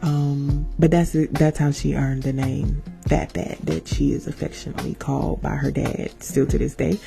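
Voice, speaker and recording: A woman in her thirties hosting a podcast, telling a birth story as a lively monologue, acting out the people in it and calling her listeners "y'all". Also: low voice, normal speed, creaky, over music. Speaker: podcast host.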